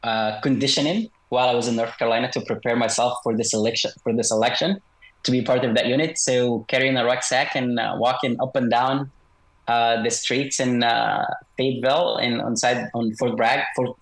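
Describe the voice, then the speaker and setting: A man's voice: mid-range voice, fairly even intonation, rough recording. Man with an electronically altered voice. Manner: measured, hesitant, frequent "uh" fillers. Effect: voice electronically altered to disguise identity. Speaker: guest author, former special operations soldier. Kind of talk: interview over a video call.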